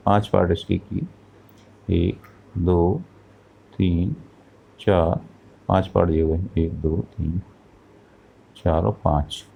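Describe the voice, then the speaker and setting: Slow, patient low-voiced man teaching math. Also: gravelly, mellow. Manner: slow, patient explaining with rhetorical questions and counting aloud. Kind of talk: classroom math lesson.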